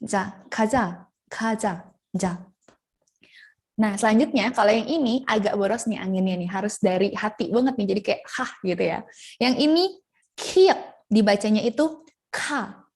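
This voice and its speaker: A young woman teaching a Korean lesson over a video call, chatty and playful, slowly sounding out syllables. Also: mid-range voice, a little mellow. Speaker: Korean language tutor. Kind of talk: online language lesson.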